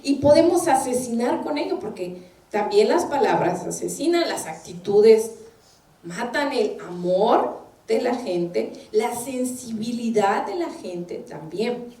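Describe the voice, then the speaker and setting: A woman's voice: on the high side, expressive, takes it slowly, dark tone. Woman preaching in an echoey room. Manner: anecdotal, acts out quoted voices. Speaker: minister preaching. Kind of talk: sermon. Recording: echoey room, distant mic.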